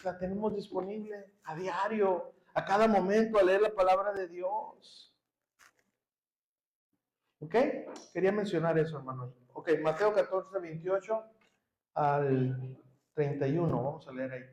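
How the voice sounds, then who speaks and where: A man's voice: high voice, a little slow, a little mellow, roomy sound, poor audio. A man with a Mexican Spanish accent preaching a sermon, earnestly addressing his congregation as brothers and rising into emphatic peaks. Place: church hall.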